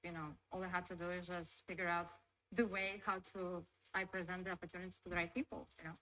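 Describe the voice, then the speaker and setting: A woman's voice: fairly low pitch, flat delivery, quick pace, bright, forceful tone, poor audio. A woman from Russia speaking English with a Russian accent as an interview guest. She chats loosely, filling her sentences with "like" and "you know". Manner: chatty, loose phrasing full of "like" and "you know". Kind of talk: casual interview.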